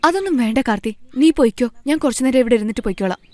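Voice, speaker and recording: A woman's voice: on the high side, lively intonation, racing, warm tone, no echo, close to an everyday voice. A young woman dubbing a jealous, clingy student who reproaches and pleads with her lover, in film dialogue. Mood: reproachful. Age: young adult. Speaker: dub actor.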